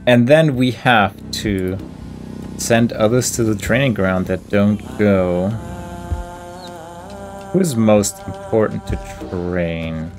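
With a fairly low voice and slow pace, a let's play host reasons through his in-game choices aloud, musing casually to himself while faint music from the game plays behind him.

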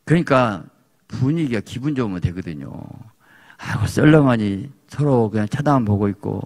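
A man's voice: on the low side, lively intonation, normal speed, a little mellow. A male pastor with a Jeolla Korean accent preaching a sermon, exhorting his congregation with emphatic repetition.

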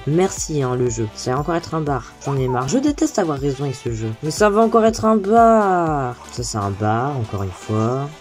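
A woman giving casual, expressive commentary while playing a video game, chatty and exasperated. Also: a bass voice. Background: faint game music.

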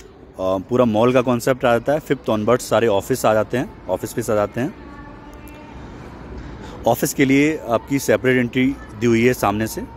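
At an outdoor construction site, a real estate agent leads a walking property sales tour, explaining things with lots of English terms mixed in. His voice is medium-pitched, with a little hiss or hum on the recording.

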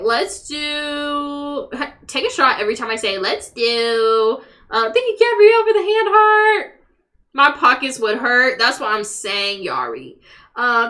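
A young woman casually commentating on a game as a live streamer and chatting with viewers, sweary and excitable. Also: high-pitched. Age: young adult. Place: small room at home, indoors.

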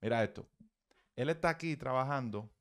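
A man's voice: medium pitch, moderate pace, fairly bright tone. A man, a baseball hitting coach, giving blunt, profane, emphatic swing-analysis commentary.

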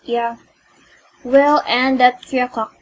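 A woman's voice: on the high side, level tone, low-quality recording. A young woman casually chatting while playing a video game, teaching and teasing her mother in a bossy way. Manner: bossy, teasing, quick to scold. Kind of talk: casual gameplay chat. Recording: faint background noise.

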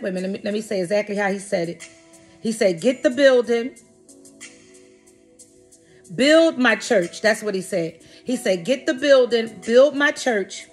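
Woman prophetess, animated preaching, higher voice, soft music under her, repeats herself and shouts hallelujah. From Philadelphia. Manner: repetitive, exclamatory, frequent hallelujahs and laughs. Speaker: prophetess preaching to an online congregation. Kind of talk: lively sermon with call-outs to viewers.

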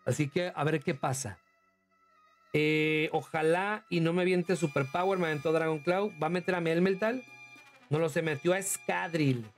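This livestreamer is a chatty man with a Mexican accent and a slightly high voice, giving casual commentary on a game at a normal pace. He thanks his viewers by calling them "monstruo," with faint music in the background.

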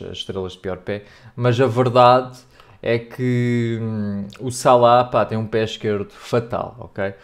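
A young man with a European Portuguese accent commentating his own pack openings in a chatty, excitable way, talking straight to his viewers. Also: on the low side. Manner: animated, shouts and laughs over big pulls, chatty asides to chat. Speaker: gaming youtuber.

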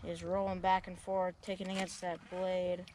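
A young male angler talks eagerly about how lures move, jumping in with quick agreement. He is picked up by a boat-mounted camera outdoors, with steady noise running under his voice. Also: high voice. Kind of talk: casual chat. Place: small boat on a calm river outdoors. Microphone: action camera on the boat.

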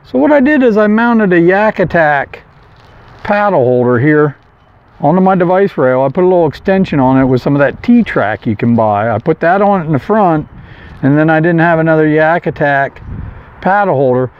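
A man's voice: on the high side, expressive, moderate pace, clear, resonant tone, no room sound, highs cut off. A middle-aged man, outdoors beside a kayak, casually walking through his homemade fishing setup in a plain, chatty way. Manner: plain, chatty, hands-on explaining with fillers. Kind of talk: casual show-and-tell walkthrough.

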